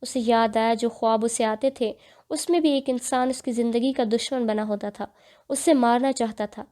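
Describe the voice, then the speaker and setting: A woman's voice: fairly high pitch, fairly even intonation, warm tone. A woman narrating a novel aloud in an earnest storytelling manner. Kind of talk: dramatic audiobook narration.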